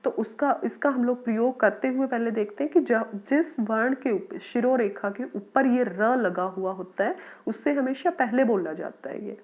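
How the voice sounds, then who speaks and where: A woman's voice: a little high, moderate pace. A woman teaching a children's grammar lesson, explaining patiently step by step and calling her pupils "beta". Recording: tinny phone-like audio.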